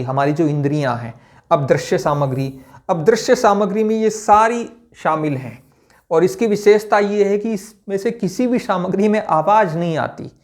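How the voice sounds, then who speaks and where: A male lecturer giving an exam-prep lesson, who explains step by step and asks and answers his own questions. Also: high voice.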